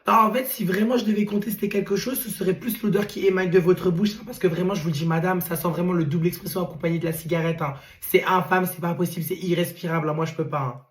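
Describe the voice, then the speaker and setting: A performer voicing a cheeky, slangy teenage student with a hoarse, cracked voice in a comedy skit. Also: medium pitch, steady tone, fast, hardly any pauses, lightly acted. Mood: insolent. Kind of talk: comedy skit role-play.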